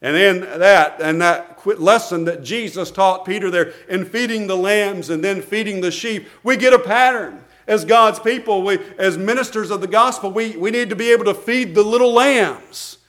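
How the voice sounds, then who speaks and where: A man's voice: high voice, normal speed, few pauses, a bit bright. A man preaching a sermon from a church pulpit, earnest, often repeating words and restarting phrases, with little chuckles between points.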